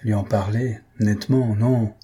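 A husky-voiced man reading aloud, voicing a scheming, self-important middle-aged mother in a storybook. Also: on the low side, fairly even intonation, a little slow, mellow.

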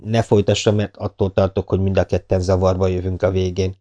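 Reading an audiobook, a man in his 40s voices a friendly, polite middle-aged burglar who is courteous, chatty, and self-deprecating. His natural voice is low and dark with little pitch movement, over slight background noise.

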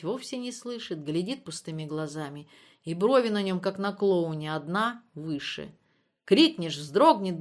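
A woman reading literary prose as an audiobook narrator, measured and subdued. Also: mid-range voice.

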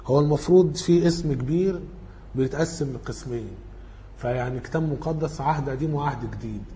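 A man's voice: a little high, a little fast, warm tone, a little hiss or hum. A man with an Egyptian Arabic accent giving an informal lecture, working through study questions and thinking aloud as he corrects himself.

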